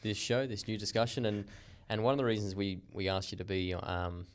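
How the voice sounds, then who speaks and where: A man's voice: fairly low pitch, little pitch movement, brisk. A man hosting a casual podcast interview, friendly and rambling with restarts and filler words. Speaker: podcast host.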